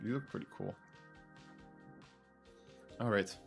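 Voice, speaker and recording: A man from France, a native French speaker with a French accent, hosts a casual live quiz stream, thinking aloud as he chats with viewers. His voice is fairly low and slow with vocal fry, and faint music plays behind him.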